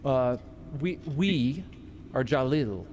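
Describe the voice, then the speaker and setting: A haughty, easily offended desert warrior in a tabletop game, voiced by a man, sounds indignant. The delivery swoops around with lively pitch, over a steady background hiss. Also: slow. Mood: solemn.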